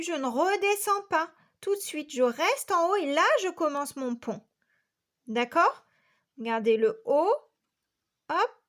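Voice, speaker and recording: A woman teacher from France giving a patient, step-by-step handwriting lesson to young children, counting each stroke aloud. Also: high-pitched. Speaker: primary school teacher.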